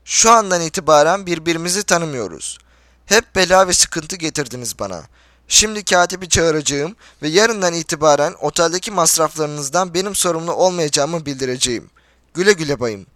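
A man's voice: fairly high pitch, animated, a little fast, fairly bright tone, no room sound, clean studio sound. A man reading a blustering old general. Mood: cold, dismissive. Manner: indignant, blustering, then imploring. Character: pompous blustering older male general. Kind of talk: audiobook character reading.

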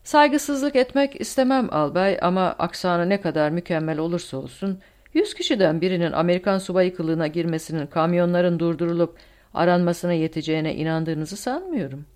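A woman's voice: on the low side, moderate pace, a little mellow, lightly acted. A woman voicing a wary, skeptical male agent who questions the plan. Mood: doubtful. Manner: doubtful, questioning.

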